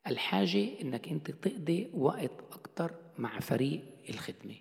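Male pastor, middle-aged, gravelly voice, chatty sermon, long hall echo. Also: on the high side, sing-song, a little fast, a little mellow. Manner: conversational preaching, rhetorical questions. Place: church hall.

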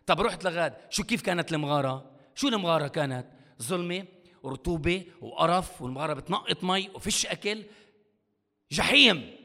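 A man preaching a sermon as pastor, animated, acting out voices, scolding and pleading. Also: a little high. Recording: long hall reverb.

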